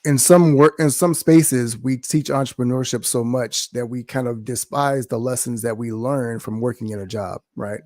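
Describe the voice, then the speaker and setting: A man's voice: medium pitch, normal speed, hardly any pauses, darkish tone, no room sound. A man hosting a podcast interview, encouraging his guest and reflecting on the lessons he shares. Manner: encouraging, frequent affirmations. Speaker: podcast host. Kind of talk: casual interview.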